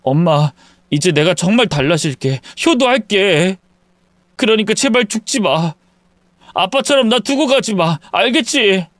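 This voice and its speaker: A man voicing a remorseful teenage son who is crying and pleading in high, urgent bursts. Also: lively intonation, takes it slowly, pauses often, fairly bright tone, dry recording, full character voice. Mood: tearful pleading. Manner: high, urgent, sobbing pleas.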